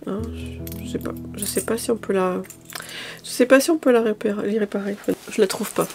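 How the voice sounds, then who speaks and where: A woman's voice: mid-range voice, brisk, darkish tone, soft background music. Tired, hesitant French-speaking woman. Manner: hesitant, many fillers and restarts. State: a little tired. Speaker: lifestyle vlogger. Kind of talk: casual haul video chat.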